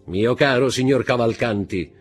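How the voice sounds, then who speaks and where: A man's voice: mid-range voice, moderate pace, slightly rough, soft background music, voice pushed up, close to an everyday voice. A man voicing a scheming young man who poses as a noble son, sly and ingratiating.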